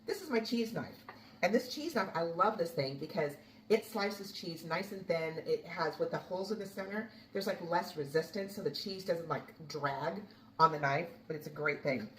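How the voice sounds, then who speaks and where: A low-pitched woman talks her way through a recipe in a home kitchen, chatty and homey. The room is echoey, with a faint hum of ambience behind her. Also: expressive, moderate pace, recorded from a distance. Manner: chatty, homey, talks while cooking and tasting. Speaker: home cooking host. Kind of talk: casual cooking demonstration.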